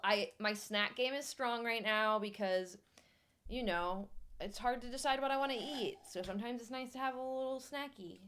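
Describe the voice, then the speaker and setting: A woman's voice: fairly high pitch, normal speed, a bit bright. Young Wisconsin woman, candid and teasing. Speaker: livestream host. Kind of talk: casual livestream chat.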